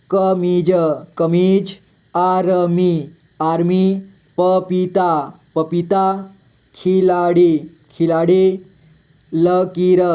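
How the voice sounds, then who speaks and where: A man's voice: sits high, mellow. A male teacher giving a reading lesson, saying each word twice and patiently explaining the vowel signs. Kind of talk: Hindi reading lesson for children.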